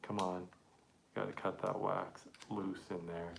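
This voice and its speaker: A man live-streaming an accordion repair, chatting casually and haltingly to viewers while he works with his hands. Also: deep voice, flat delivery, gravelly, a little hiss or hum.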